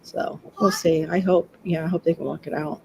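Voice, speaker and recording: A woman's voice: lowish voice, fairly even intonation, normal speed, vocal fry, darkish tone, slight background noise, rough recording. A middle-aged woman chatting casually on a livestream, laughing often and acting out quotes.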